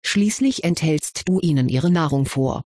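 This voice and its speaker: A reader voicing an old, wise male headmaster wizard who explains things calmly, in an audiobook reading. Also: mid-range voice, unhurried, dry recording, clean studio sound.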